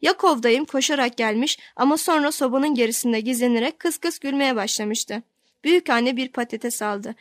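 Woman audiobook narrator, higher voice, dry close sound, steady first-person storytelling. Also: normal speed, dry recording. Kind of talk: scripted narration of a novel.

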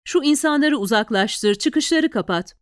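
A woman's voice: high voice, lively intonation, measured pace, no echo, clean studio sound, pitched above the performer's own voice. A woman reading an audiobook, voicing a tough female police lieutenant who gives curt, clipped orders. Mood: commanding.

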